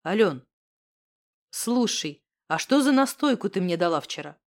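A woman voicing a nervous young man who talks low, anxious and insistent. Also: very animated, unhurried, full character voice. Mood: worried.

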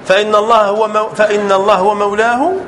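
A man teaching a grammar lesson to a class. He checks with his students often, repeats words, and stretches key words out slowly. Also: sits high, little pitch movement, fairly bright tone.

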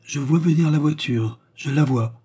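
A man reading aloud, voicing a young girl who speaks haltingly in a hypnotic trance. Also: a little high, mellow, breathy edge, voice pushed up. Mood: dreamy. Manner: dreamy, halting trance speech.

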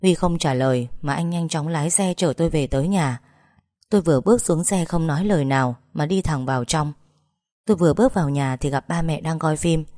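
A woman reading a first-person story aloud in a plain, steady manner. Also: low voice, fairly quick.

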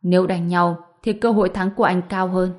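A woman reading a calm, powerful young male hero in an audiobook, cool and unbothered. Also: lowish voice, fairly quick, close to an everyday voice. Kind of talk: audiobook narration.

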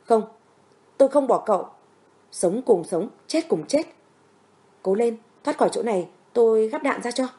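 A woman's voice: fairly high pitch, lively intonation, moderate pace, pauses often, warm tone, natural voice. A woman voicing a young woman, a brave and tearful medic who talks urgently and pleads.

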